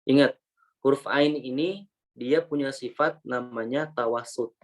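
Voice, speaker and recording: A man teaching Quran recitation rules with an Indonesian accent, explaining step by step and slowly demonstrating example words. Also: medium pitch, rough recording. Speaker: tajwid teacher.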